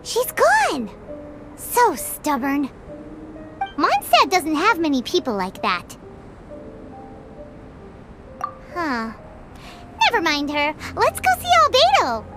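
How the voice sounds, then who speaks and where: An excitable little fairy sidekick from an anime-style game, squeaky and childlike. The pitch is sky-high and leaps around constantly as she exclaims indignantly, with loud music playing behind. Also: slow, full character voice. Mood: exasperated, perky. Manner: exclamatory, refers to herself by name.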